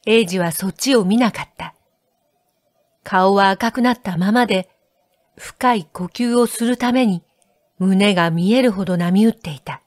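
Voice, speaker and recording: A woman narrating a classic novel as an audiobook reader, calm and measured. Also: medium pitch, no echo.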